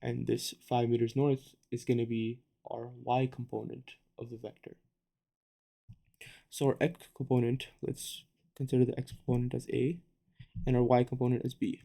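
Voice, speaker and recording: Young man, physics tutor, casual whiteboard lesson, joking asides, flat steady delivery. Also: medium pitch, moderate pace, gravelly. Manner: relaxed, joking asides, self-correcting.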